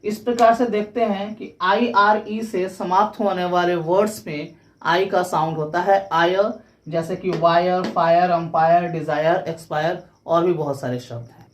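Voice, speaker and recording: A woman's voice: lowish voice, fairly even intonation, measured pace. A woman teaching English pronunciation, explaining rules step by step and spelling words out letter by letter.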